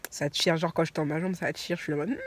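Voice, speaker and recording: A young woman in her twenties talks casually to her viewers, telling everyday stories with frequent laughter. Her voice sits on the low side. A faint hum of background noise runs under the recording. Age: 20s. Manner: chatty storytelling, laughs often. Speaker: vlogger. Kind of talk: casual chat.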